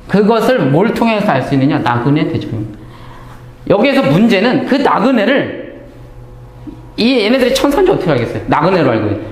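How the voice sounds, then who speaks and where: A man teaches a Bible lesson in a high, sweeping voice. He keeps asking himself questions and answering them, and acts out the lines he quotes. The room is echoey. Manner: animated, asks and answers his own questions, acts out quoted speech. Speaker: Bible lecturer. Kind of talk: Bible study lecture.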